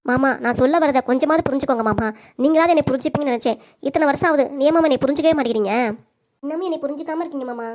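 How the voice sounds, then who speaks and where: திருநெல்வேலி வட்டார வழக்கில், வருத்தத்துடன் கெஞ்சியும் தன்னைக் காத்துக்கொண்டும் பேசும் இளம் மருமகளாக ஒரு பெண் குரல் கொடுக்கும் cartoon. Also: female voice, sits high, racing, a little mellow, lightly acted. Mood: pleading. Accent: Tirunelveli Tamil. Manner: pleading, emotional. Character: young wife, pleading and hurt daughter-in-law. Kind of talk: cartoon comedy voice acting.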